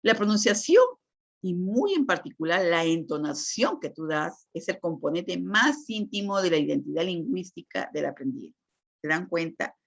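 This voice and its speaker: A woman's voice: fairly low pitch, very animated, moderate pace, gravelly. A woman teacher giving a lecture on communication, explaining patiently and checking in with frequent tag questions. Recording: dull lo-fi recording.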